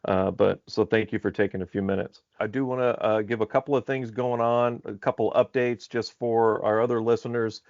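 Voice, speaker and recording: A man's voice: on the low side, steady tone, fairly quick, few pauses, darkish tone, dry recording. Upbeat lo-fi podcast host, a man. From Alaska. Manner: upbeat, rambling with fillers. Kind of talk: casual podcast interview. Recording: slightly dull lo-fi audio.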